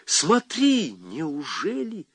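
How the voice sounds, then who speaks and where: Man reading as an excitable zoologist who keeps exclaiming, lively up-and-down voice, dry sound. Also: mid-range voice, a little slow, no room sound. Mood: alarmed. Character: excitable male zoologist, middle-aged, eager. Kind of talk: audiobook character reading.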